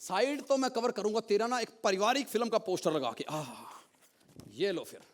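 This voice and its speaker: High-voiced cheeky male comic. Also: big pitch swings, a little fast. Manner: cheeky, teasing banter. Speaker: comedian performing a sketch. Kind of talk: stage comedy sketch before a live audience.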